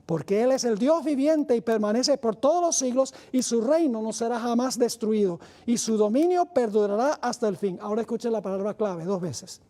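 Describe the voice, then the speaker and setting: A male pastor preaching a sermon, reading scripture aloud with earnest asides to his listeners, slowing and lifting his voice to stress key words. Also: mellow. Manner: slows and rises in pitch to stress key words.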